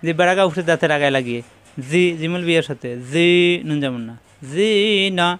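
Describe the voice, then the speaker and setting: High-voiced, clear male recitation teacher. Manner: methodical, repeats each syllable slowly; breaks into slow chanted recitation. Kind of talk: tajweed pronunciation lesson.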